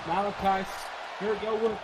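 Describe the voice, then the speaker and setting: A man giving casual wrestling commentary in a halting, hesitant way, full of reactive interjections. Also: high voice, little pitch movement. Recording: very noisy live recording, loud ambience.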